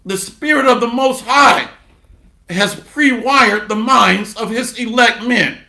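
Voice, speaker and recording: A man's voice: very high voice, slow, gravelly, pushed and bright, echoey room. A man preaching a blunt, mocking sermon with scripture readings and rhetorical call-outs.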